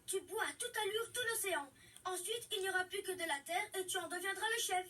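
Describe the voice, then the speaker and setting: A woman's voice: very high-pitched, a little fast, sharp tone, far from the mic, faint music behind. A woman voicing a brave, clever young moose captain in a children's cartoon, polite and coaxing. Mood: coaxing, sly. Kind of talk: French-language children's cartoon dubbing.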